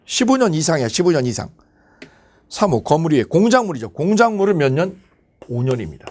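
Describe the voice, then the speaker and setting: A man lecturing for an exam prep course, his voice sitting a little high and swinging up and down a lot as he talks. He poses questions and answers them himself, hammering the key numbers again and again. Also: a little mellow.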